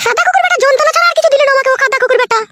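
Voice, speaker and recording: A woman putting on a shrill voice to play a quarrelsome young village wife who grumbles and complains in a comic skit. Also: racing, a bit bright, dry recording, studio quality. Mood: grumbling.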